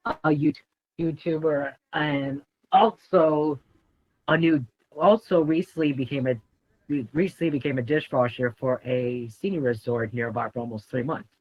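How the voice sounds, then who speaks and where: Male contestant, early twenties, slightly high, halting talk, muffled recording. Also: dry recording. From Florida, United States. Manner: halting, repeats himself. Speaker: game show contestant.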